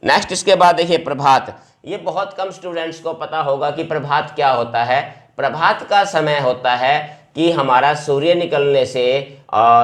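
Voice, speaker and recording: Man, English teacher, vocabulary lesson, patient, repeats words, mid-pitched voice. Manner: explains patiently, repeats each word several times.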